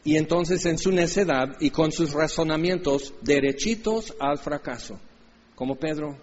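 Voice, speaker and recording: A man in his fifties with a Mexican Spanish accent, preaching a lively, jokey sermon and acting out Bible characters in different voices. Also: fairly high pitch, a little slow, in a large hall, dull audio. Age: 50s. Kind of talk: animated sermon with acted-out voices.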